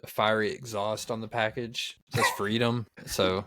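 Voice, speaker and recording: A man's voice: fairly low pitch, level tone, normal speed, a bit bright. A man co-hosting a casual podcast, hesitant and rambling, with lots of fillers. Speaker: podcast co-host. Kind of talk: casual chat.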